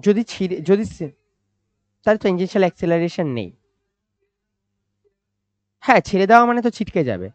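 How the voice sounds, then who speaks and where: A man teaching physics, explaining slowly and repeating points, asking questions and answering them himself. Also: sits high, big pitch swings, no room sound. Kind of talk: classroom-style physics lecture. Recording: dry, slightly dull recording.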